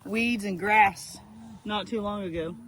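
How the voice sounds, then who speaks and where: A woman's voice: mid-range voice, a little slow, fairly bright tone, slight background noise, low-quality recording. A woman chatting playfully and telling stories outdoors on her farm as a vlog co-host. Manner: playful, chatty, laughs easily. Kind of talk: casual chat and storytelling.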